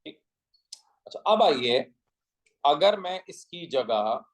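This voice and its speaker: A man with a fairly high speaking voice teaches a physics class. He explains each step patiently, keeps throwing rhetorical questions at his students, and slips English technical terms into his Hindi. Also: big pitch swings, slow pace, poor audio.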